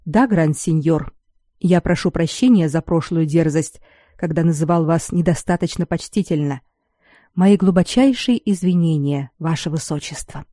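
A reader voicing a foreign male commoner and spy who speaks quietly, carefully and deferentially in an audiobook. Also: medium pitch, moderate pace, no echo, studio quality, lightly acted. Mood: guarded. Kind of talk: audiobook character reading.

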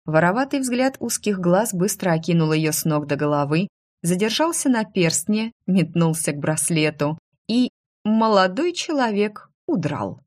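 A woman narrating a story aloud with a lively, expressive, lightly ironic delivery. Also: fairly low pitch, normal speed. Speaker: audiobook narrator.

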